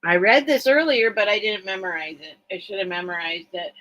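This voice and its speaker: A woman's voice: medium pitch, a little fast, a bit bright, highs cut off. A woman hosting a casual livestream sale of vintage items, thinking aloud and chatting in a rambling way. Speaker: online seller, host of live sales. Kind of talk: casual livestream sales chat.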